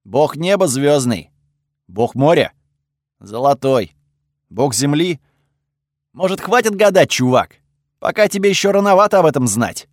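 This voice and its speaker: A man voicing a snarky, sharp-tongued male god spirit in an audiobook, curt and sarcastic, with a lively swinging pitch and a dry close sound. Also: moderate pace, no room sound. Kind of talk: audiobook character voice.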